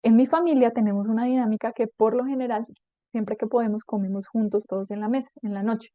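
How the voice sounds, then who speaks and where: A woman's voice: on the high side, steady tone, no echo, dull audio. A middle-aged woman, hosting a parenting podcast and acting out little dialogues as she gives advice. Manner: talkative, acts out dialogues in quick voices. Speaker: podcast host and parenting coach. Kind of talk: podcast talk giving advice.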